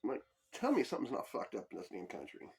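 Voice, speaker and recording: A man's voice: lowish voice, huge pitch swings, quick pace, creaky, darkish tone, husky. A man hosting a podcast, delivering a heated, profane political commentary monologue. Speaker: podcast host.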